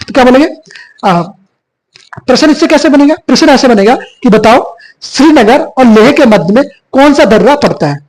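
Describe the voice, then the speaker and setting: A man teaching a classroom geography lesson, hoarse from a cough, repeating points and quizzing his students. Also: very high voice, expressive, moderate pace, darkish tone, rough recording. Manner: repetitive, quizzing students with filler 'bhaiya'. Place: classroom with whiteboard.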